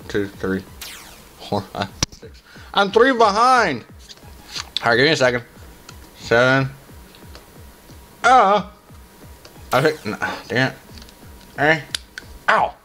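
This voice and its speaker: A man in his thirties hosts a gaming challenge in a casual, halting way. His mid-range voice swings widely, jumping into exclamations and dropping into muttered asides. Faint music plays behind him as he talks from a small room. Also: medium pitch, fairly bright tone. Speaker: gaming video host. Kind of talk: casual challenge gameplay commentary.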